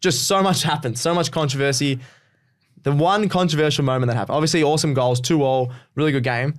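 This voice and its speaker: A man's voice: a little high, fast talker. A young man co-hosting a casual football podcast, upbeat and laughing often. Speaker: podcast co-host. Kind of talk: casual sports podcast chat.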